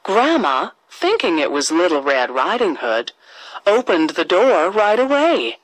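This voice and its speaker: Telling a fairy tale for children, this woman has a fairly low pitch yet an animated, tuneful delivery. Her storytelling is unhurried and carefully phrased for expression. There's no echo, the sound is close-miked, and overall audio quality is low.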